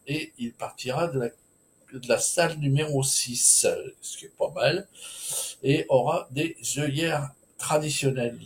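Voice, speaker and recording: A man giving a solo horse racing preview, talking in a hesitant, chatty way with frequent filler sounds and restarts. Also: mid-range voice. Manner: informal, chatty asides.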